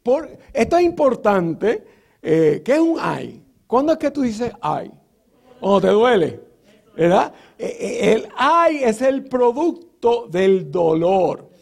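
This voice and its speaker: A high-voiced man preaching a sermon, with a gravelly, creaky edge to his voice. He speaks slowly and unhurriedly, teaching through scripture with rhetorical questions and plenty of filler sounds between phrases. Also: very animated, darkish tone. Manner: frequent filler sounds and restarts.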